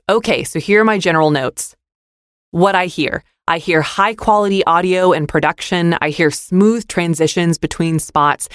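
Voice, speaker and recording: A podcast host gives friendly, constructive critique of voice-over demos, using casual fillers as they explain. The voice sits mid-pitch, recorded close and dry with no room sound. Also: fairly bright tone, no echo. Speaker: podcast host, demo reviewer.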